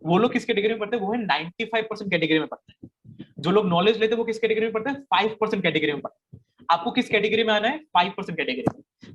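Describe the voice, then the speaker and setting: A young man leads a training session in a high voice, driving his points home by repeating them. He slips English slogans into his talk, and a faint hiss sits under the recording. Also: a bit bright, lo-fi sound. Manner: emphatic, repeats key lines, mixes in English slogans. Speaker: network marketing trainer. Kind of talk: live online training session.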